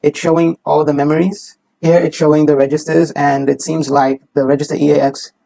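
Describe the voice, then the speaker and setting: A young man from Kenya, a student, calmly explaining code while running a debugger. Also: on the high side, brisk, gravelly, low-quality recording. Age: young adult. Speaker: student presenter. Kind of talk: class project presentation.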